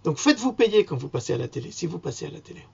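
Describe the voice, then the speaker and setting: A man's voice: fairly high pitch, very animated, rapid-fire, vocal fry, husky. A man ranting indignantly in an improvised vlog, rambling from point to point with sudden mocking outbursts. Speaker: vlogger. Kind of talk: improvised angry rant to camera. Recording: dull lo-fi sound.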